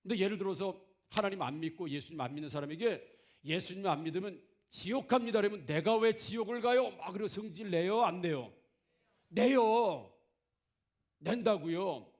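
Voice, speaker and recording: A man's voice: high voice, animated, normal speed, a little mellow. A man preaching a Sunday sermon as pastor, asking the congregation questions, answering them himself and acting out quoted voices. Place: church sanctuary.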